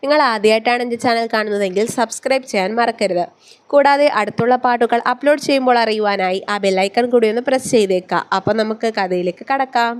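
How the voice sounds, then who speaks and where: A woman channel host narrating a serialized story in a steady, measured reading voice. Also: fairly high pitch, smooth.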